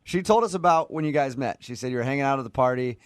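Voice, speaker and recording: A man's voice: mid-range voice, fast talker, clear, resonant tone, no room sound. Teasing male radio host. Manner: teasing, pushy questioner. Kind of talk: radio show prank call.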